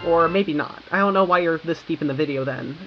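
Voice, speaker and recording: A young adult American woman narrates a scripted video essay, dropping in informal, wry, self-aware asides. Her voice is deep and a little fast, the audio is dull, and music plays in the background.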